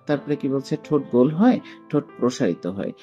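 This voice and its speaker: A man's voice: mid-range voice, expressive, fairly quick, warm tone. A man teaching a class, working through a textbook exercise step by step, with many fillers, asking questions and answering them himself. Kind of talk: textbook lesson walkthrough. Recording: dull lo-fi sound with faint guitar music.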